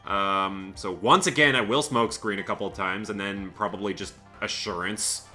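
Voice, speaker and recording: A man's voice: fairly low pitch, moderate pace, pushed and bright, soft background music. A man giving chatty gameplay commentary as a Let's Play host, thinking aloud and often laughing.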